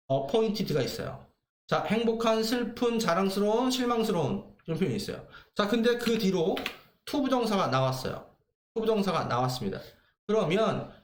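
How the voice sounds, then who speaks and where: A man runs an exam-prep grammar lesson, often firing off a question and then answering it himself. His voice sits high and swings through a wide range. The sound is roomy and echoey. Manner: lively, asks and answers his own questions. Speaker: teacher.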